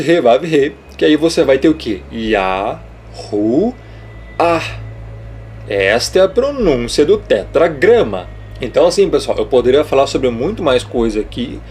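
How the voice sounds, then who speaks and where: A man with a mid-range, slightly mellow voice teaches religious material by explaining letters on a board. He scolds and stresses his points, repeating them and frequently checking in with quick questions like "tá?" and "ok?".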